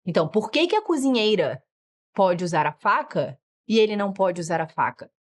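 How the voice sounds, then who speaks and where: A woman's voice: medium pitch, fairly quick. A middle-aged woman with a Brazilian Portuguese accent, teaching a parenting course and acting out what children and parents say. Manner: animated, acts out children's and parents' lines in shifting voices. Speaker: parenting educator. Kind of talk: online course lesson.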